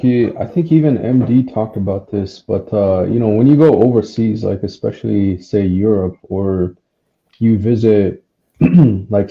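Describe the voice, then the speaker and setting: A man's voice: on the low side, dark tone. A man in a casual group chat, rambling and leaning on fillers, heard through dull call audio.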